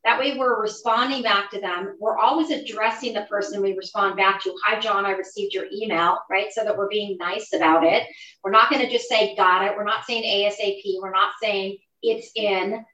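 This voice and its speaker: A woman business coach giving energetic, instructive advice on a podcast. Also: mid-range voice, brisk, dull audio. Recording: roomy, mic a bit distant.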